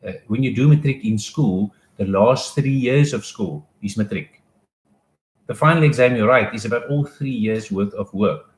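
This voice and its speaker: A man gives advice in a relaxed, rambling way and often backs up to restart a thought. His voice sits a little low, and the room around him rings with noticeable echo. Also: normal speed. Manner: casual and explanatory, with restarts and asides. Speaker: education advisor. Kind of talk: live informational talk.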